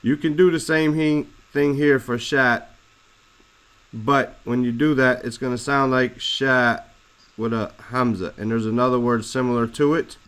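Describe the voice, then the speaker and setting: A man teaching a lesson, explaining Arabic words slowly and deliberately, spelling out letters and roots. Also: mid-range voice, steady tone, a bit bright, clean tone, low-quality recording. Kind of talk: classroom explanation of Arabic text.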